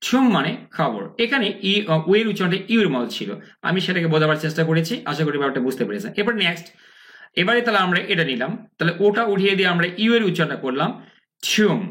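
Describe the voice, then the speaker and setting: A man's voice: a little high, sing-song, fast talker, a bit bright. A man from Bangladesh teaching an English lesson, repeating words and coaching pronunciation step by step.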